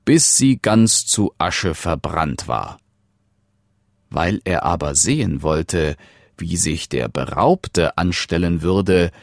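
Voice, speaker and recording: A man narrating a fairy tale in a measured, expressive storybook reading. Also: sits low, vocal fry, no room sound, studio quality.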